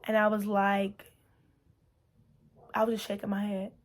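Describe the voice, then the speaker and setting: A woman's voice: medium pitch, monotone, measured pace. Earnest woman sharing her testimony. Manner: earnest and emotional, full of "like" and repeats. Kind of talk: personal testimony vlog.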